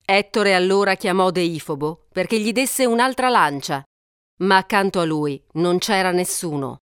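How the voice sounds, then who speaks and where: Smooth, measured woman narrator. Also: fairly low pitch, no room sound, studio quality. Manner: measured, steady storytelling. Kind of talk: scripted narration of an epic.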